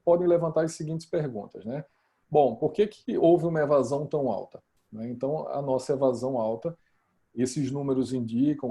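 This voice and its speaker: A man's voice: mid-range voice, mellow, breathy edge. A man coordinating a course, explaining earnestly over a video call and checking in with listeners. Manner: earnest, repeats for emphasis. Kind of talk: explaining in an online meeting.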